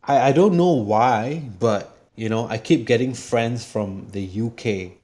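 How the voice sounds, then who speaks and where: A man's voice: mid-range voice, a little slow, a little mellow. A man from Singapore chatting casually as a guest, hesitant, often repeating words and laughing. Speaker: project guest. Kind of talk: casual chat.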